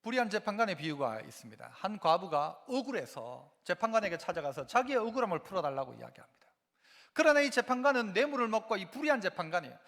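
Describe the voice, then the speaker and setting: A pastor with a high-pitched voice and quick pace preaches an animated Sunday sermon in a church sanctuary, quizzing the congregation with frequent rhetorical questions. A long church hall reverb fills the recording.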